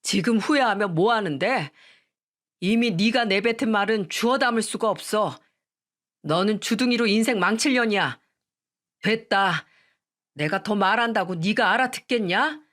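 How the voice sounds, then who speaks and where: A woman's voice: mid-range voice, normal speed, a bit bright, natural voice. A woman voicing a bitter divorced man who scolds his ex-wife with contempt, in a read-aloud radio story. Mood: scornful, scolding. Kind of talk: storytelling radio drama reading.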